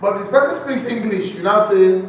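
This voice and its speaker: A real estate sales trainer, male with a Nigerian accent, delivers a live group lecture in a brisk, high voice. Emphatic, he repeats key phrases and puts rhetorical questions to the room, which sounds echoey through a distant mic with faint noise.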